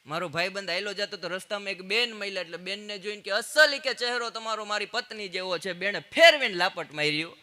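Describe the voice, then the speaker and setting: Male stand-up comic, high and very bright voice, punchy storytelling on stage. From Gujarat, India. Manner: punchline jokes with quick quoted exchanges. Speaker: stand-up comedian. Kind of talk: live Gujarati stand-up storytelling.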